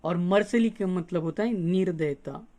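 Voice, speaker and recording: Reading slowly through a story's English lines, a male teacher stops to explain the words in Hindi in this bilingual lesson. He has a mellow, high-pitched voice.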